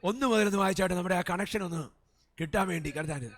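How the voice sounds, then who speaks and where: Animated high-voiced Malayali pastor preaching. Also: male voice, quick pace. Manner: animated preaching with frequent amens and hallelujahs; swings between soft asides and loud shouted peaks. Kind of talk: sermon. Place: church service.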